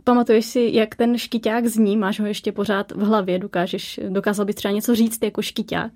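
A woman's voice: medium pitch, little pitch movement, a little mellow. A woman hosting an interview in a chatty, joking manner. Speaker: host. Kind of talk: interview chat.

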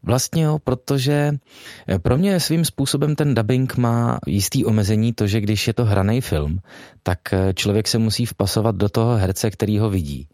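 A man's voice: on the low side, darkish tone, no echo, studio quality. A man, a voice actor being interviewed, speaking hesitantly with many fillers and restarts. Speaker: voice actor guest. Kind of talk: interview chat.

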